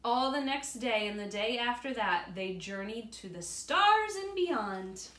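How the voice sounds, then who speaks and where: A middle-aged teacher reads a picture book aloud to young students and explains it to them, speaking a little slowly in a fairly high, slightly bright voice with lively intonation. She's indoors at home near a glass door, recorded by a camera a few feet away. The sound has a roomy echo and faint room noise.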